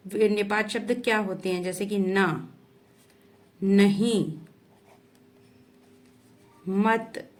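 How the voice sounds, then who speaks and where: Slow, deliberate woman teaching grammar. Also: mid-range voice, steady tone. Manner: slow and deliberate, repeats definitions, often adds "ठीक है". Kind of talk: explanatory lesson.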